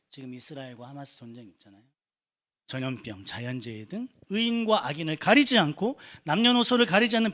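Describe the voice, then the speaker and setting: A man's voice: a little high, fairly bright tone. A young man preaching a sermon to a church youth group, earnest and conversational, with rising emphatic peaks. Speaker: youth pastor.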